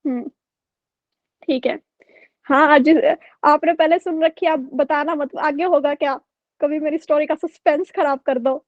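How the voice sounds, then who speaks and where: A woman's voice: high-pitched, steady tone, measured pace, dry recording, lo-fi sound. A woman teacher telling a story to her online class in a chatty way, often checking in with her students. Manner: chatty, keeps checking with "okay?".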